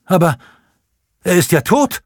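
Doubting doctor guy, man doing him, worked up, lively pitch, rough voice. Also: measured pace, no echo, studio quality, exaggerated voice. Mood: agitated. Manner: agitated, questioning. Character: sharp, skeptical young town physician.

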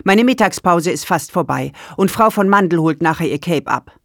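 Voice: mid-range voice, lively intonation, normal speed, fairly bright tone, dry recording, clean studio sound, voice pushed up. A narrator voicing an elderly, confused mother who speaks unclearly and politely in an audiobook. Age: older. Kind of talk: audiobook character dialogue.

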